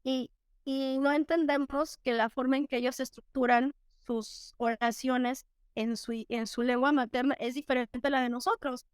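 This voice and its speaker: A woman's voice: high voice, fairly even intonation, moderate pace, clear, resonant tone, no echo, studio quality. A Mexican woman in her thirties, a teacher and interview guest, telling stories reflectively with many fillers and restarts.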